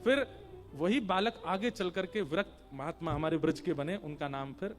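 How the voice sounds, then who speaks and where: A man preaching a devotional sermon in an animated storytelling style, acting out the people in his story. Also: on the high side, moderate pace. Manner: animated, breaking into song and acting out characters.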